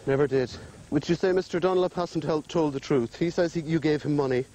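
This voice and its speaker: Persistent fast-talking Irish male reporter, outdoors. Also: a little high, dark tone. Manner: persistent, probing. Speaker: television news reporter. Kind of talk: doorstep interview questioning. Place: outdoors on a country road, walking. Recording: outdoor roadside location with background noise.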